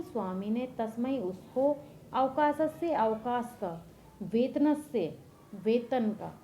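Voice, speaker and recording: Slow, patient woman teacher explaining. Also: fairly high pitch, mellow, slight background noise, rough recording. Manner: patient, asks and answers her own questions. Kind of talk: classroom lesson explaining a text line by line.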